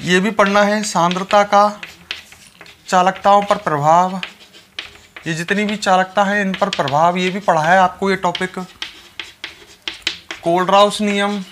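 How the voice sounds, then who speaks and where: A man's voice: high-pitched, steady tone, measured pace, fairly bright tone, slight background noise. A male chemistry teacher lecturing students, repeating each point and speaking to them directly. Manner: repetitive, instructive, addresses students directly. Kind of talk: classroom lecture.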